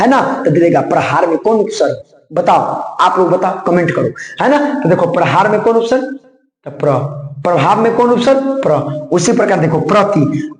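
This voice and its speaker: A male grammar teacher giving a lesson, explaining examples and urging students with moral advice, often adding tag questions and calling the listener his friend. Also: high voice. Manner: preachy, addresses listeners as friend, frequent "है ना" tag. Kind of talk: classroom-style lesson explanation. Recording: roomy echo.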